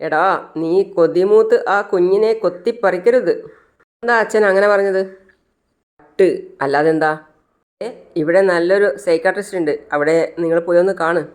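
Casual serial-recap vlogger, full of fillers. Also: medium pitch. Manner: retells scenes with quoted dialogue, frequent "aa" fillers and restarts. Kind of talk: casual story recap narration.

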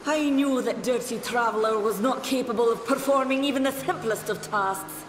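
A woman's voice: on the high side, moderate pace, lightly acted. An actress playing a stern, haughty female gnome scholar in a video game, speaking in a formal, imperious manner. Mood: bitter, defiant. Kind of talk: video game character dialogue. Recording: echoey hall reverb, noisy ambience.

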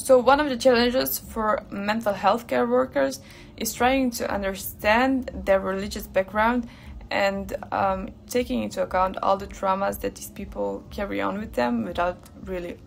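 A woman's voice: mid-range voice, steady tone, moderate pace, vocal fry, a little hiss or hum, poor audio. A young woman giving an earnest part of a class presentation to a phone camera in a small room. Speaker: student presenter.

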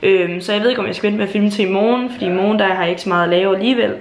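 A woman's voice: medium pitch, reverberant. A young woman in her late teens from Jutland, chatting casually in a home vlog in a bubbly, gushing way, with swearing and fillers. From Jutland, Denmark. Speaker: YouTuber. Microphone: handheld camera.

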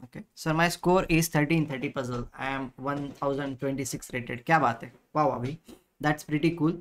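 A man in his thirties with an Indian accent, chatting casually as a chess instructor on a live stream, halting and repeating his phrases. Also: fairly high pitch, a little hiss or hum.

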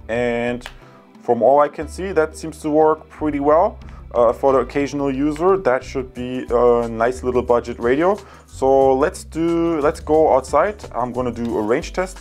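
A tech reviewer with a mid-range, darkish voice chats his way through unboxing and reviewing a gadget. He sits in an indoor room at a wooden table, calling viewers "guys" and leaning heavily on fillers.

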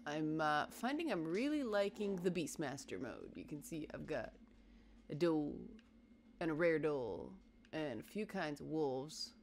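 A young woman with a deep voice and big pitch swings offers unhurried, playful let's-play commentary as she plays a video game. She chats away and urges her pets on. There's a little hiss or hum in the audio.

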